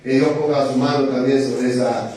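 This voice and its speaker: A man's voice: mid-range voice, little pitch movement, a crowd in the background. A man, the host pastor, welcoming a visiting couple to the service with jovial, laughing banter. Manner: warm, jovial, quick to laugh. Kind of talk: welcoming a guest in a church service. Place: church sanctuary. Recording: echoey church hall, far from mic.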